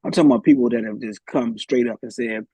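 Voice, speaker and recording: A man's voice: medium pitch, steady tone, fast, dark tone, husky, no room sound, low-quality recording. A man, a guest in a live podcast discussion, thinking aloud in a hesitant way with many restarts.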